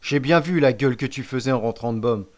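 A man voicing a gruff boy guard who growls threats and accusations. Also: medium pitch, fast talker, lightly acted. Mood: menacing.

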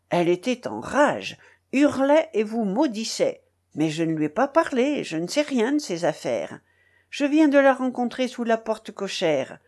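A woman reading an audiobook and voicing a proud, excitable young man who explains himself eagerly and defensively. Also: medium pitch. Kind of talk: audiobook character voice.

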